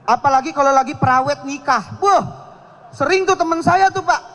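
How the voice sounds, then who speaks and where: High-voiced young man doing stand-up. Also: normal speed, pushed and bright. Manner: joking, addresses the audience as "Pak". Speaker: stand-up comedian. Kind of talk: stand-up comedy routine.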